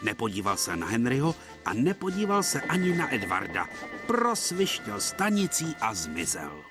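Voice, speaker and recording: A man's voice: mid-range voice, huge pitch swings, music in the background. Man narrating a children's cartoon dub.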